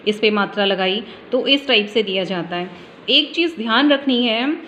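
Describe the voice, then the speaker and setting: A woman teacher explaining a phonics lesson for young children patiently and step by step, with frequent pauses. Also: fairly high pitch, a bit bright, muffled recording, a little hiss or hum.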